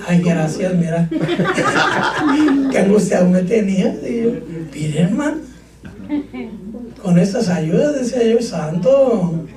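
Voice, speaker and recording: A man preaching a sermon as pastor, calling out questions to the congregation and joking between points. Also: high voice. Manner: preaching with call-and-response, joking asides. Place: church sanctuary. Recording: echoey church, far from mic.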